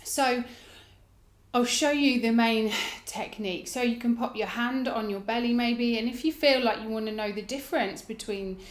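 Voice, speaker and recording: A woman teaching a yoga breathing technique, explaining it informally and guiding gently with soft phrase endings. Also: a little high, moderate pace. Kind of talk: instructional demonstration, casual explaining. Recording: roomy, echoing indoor sound.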